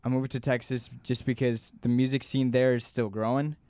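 Relaxed Colombian-born musician telling stories. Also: male voice, mid-range voice, normal speed, clean tone, dry recording. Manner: relaxed storytelling with many "like" fillers. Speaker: guest musician. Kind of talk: casual interview chat.

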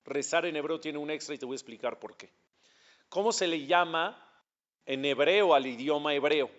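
A man's voice: on the high side, normal speed, fairly bright tone. A man teaching a religious lesson as a rabbi, asking questions and answering them himself. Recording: dull lo-fi recording.

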